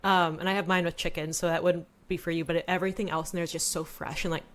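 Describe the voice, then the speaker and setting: A woman's voice: fairly low pitch, level tone, quick pace. A woman in her thirties co-hosting a podcast, chatting casually with lots of fillers. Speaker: podcast co-host. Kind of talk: casual chat.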